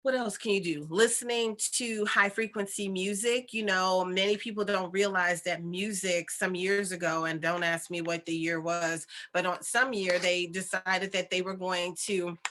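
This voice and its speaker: A woman's voice: on the low side, fairly even intonation, normal speed, hardly any pauses, fairly bright tone. A woman speaking casually and earnestly to viewers as a spiritual coach, rambling conversationally and often checking in with them. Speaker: spiritual coach and host of oracle readings.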